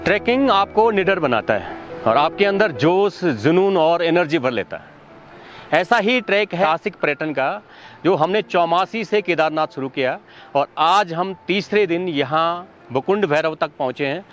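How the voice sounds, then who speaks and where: A young man narrating his mountain trek outdoors on a high ridge, pointing things out to viewers. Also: lively intonation, normal speed, fairly bright tone, dull audio, soft background music. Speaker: trekking vlogger.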